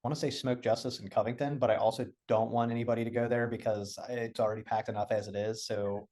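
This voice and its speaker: A young man co-hosting a casual podcast chat, animated and saying dude and like a lot. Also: medium pitch, fast. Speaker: podcast co-host.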